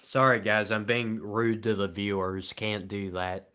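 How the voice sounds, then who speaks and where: A man livestreams and answers his chat in a flat, deadpan, sarcastic manner, leaving long pauses between remarks. His voice is lowish, clear and resonant.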